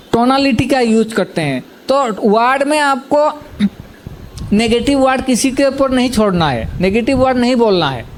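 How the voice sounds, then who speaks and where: High-voiced man explaining patiently. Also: slight background noise. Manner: repetitive, asks "samajh mein aaya?" to check understanding. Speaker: healing teacher. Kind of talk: explanatory talk on self-help.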